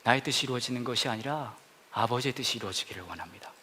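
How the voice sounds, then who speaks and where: A man preaching a humorous sermon as a pastor, telling stories playfully with sudden loud exclamations, in a church hall. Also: medium pitch, racing, husky. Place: church hall with a laughing congregation.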